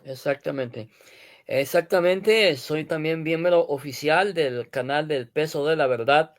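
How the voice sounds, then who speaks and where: A man's voice: a little high, no room sound, clean studio sound. A male pastor hosting a live stream, introducing his guest with frequent fillers. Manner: slow, filler-heavy, often says "este". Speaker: pastor and host. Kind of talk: live-stream religious talk.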